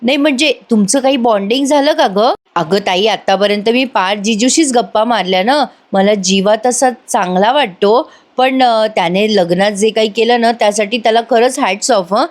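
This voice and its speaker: A woman's voice: fairly high pitch, normal speed, hardly any pauses, lightly acted. A woman voicing a chirpy, playful teenage younger sister with a teasing, bubbly manner.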